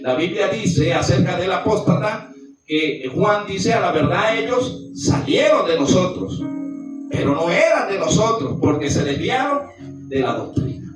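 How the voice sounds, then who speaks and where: High-voiced preacher man in an echoey room. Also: lively intonation, measured pace. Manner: emphatic, asks the listeners questions. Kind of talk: sermon with congregation exchange. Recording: echoey room, far from the mic, music behind.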